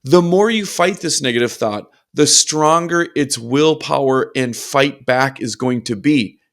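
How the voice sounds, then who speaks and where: A man's voice: mid-range voice, unhurried, a bit bright. A man coaching in a motivational video lesson, upbeat with playful asides.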